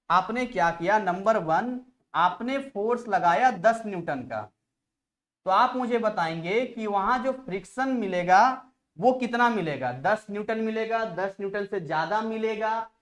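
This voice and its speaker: A man teaching a live online physics class, chatty and repetitive, drifting off into side stories before returning to the lesson. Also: high-pitched. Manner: chatty, digresses, repeats phrases to drill a point.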